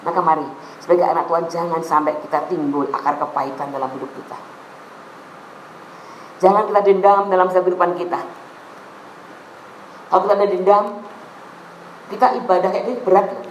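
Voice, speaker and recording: A middle-aged woman pastor with a Javanese accent, preaching a lively sermon in a church hall and slipping into local phrases. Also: on the low side, brisk, pauses often, highs cut off, slight background noise. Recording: echoey room with faint ambience.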